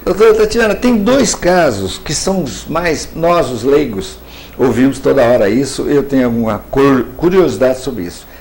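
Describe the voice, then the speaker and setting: A Brazilian man hosting a local TV interview, asking halting, rambling questions with many restarts. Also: mid-range voice, lively intonation, a little mellow. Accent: Brazilian Portuguese.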